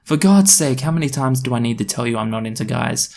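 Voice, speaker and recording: A man voicing an exasperated, sharp-tongued teenage girl officer in a comic story reading, loud, clipped and impatient. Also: medium pitch, lively intonation, fast talker, lightly acted.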